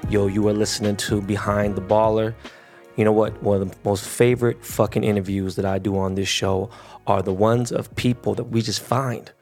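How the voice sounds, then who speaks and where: A man, hosting a casual podcast interview in a profane, excitable way. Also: on the low side, moderate pace, soft background music. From Los Angeles. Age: 40s. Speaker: podcast host.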